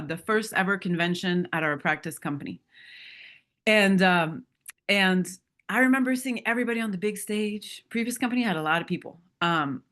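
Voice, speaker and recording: A woman's voice: on the low side, a bit bright. A woman in her thirties or forties giving a motivational talk to a sales team on stage, candid and storytelling, often asking the audience questions. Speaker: motivational speaker at a sales training.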